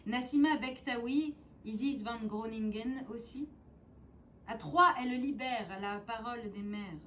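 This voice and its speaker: A poet and stage performer with a fairly high, bright female voice declaims a theatrical spoken-word poem very slowly. She places dramatic pauses and emphasis between phrases, with faint ambient noise behind her.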